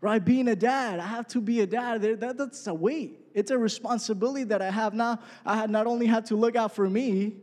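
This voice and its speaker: This young man in his twenties delivers a sermon briskly, with hardly any pauses, in a high-pitched, darkish voice. His style is conversational, full of "right?" asides that check in with the congregation, and the church hall echoes around him.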